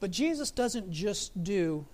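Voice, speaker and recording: A man preaching a sermon as pastor, reflective, asking his listeners questions and slowing down for emphasis. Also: high-pitched, very animated, a little mellow. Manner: reflective, asks the congregation questions, varies pace for emphasis.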